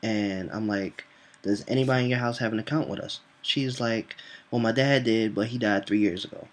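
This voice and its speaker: A man's voice: lowish voice, normal speed. A young man telling a casual, profane story from his customer-service job and acting out both sides of the dialogue. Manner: animated, profane, acts out dialogue in voices. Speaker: vlogger telling a work story.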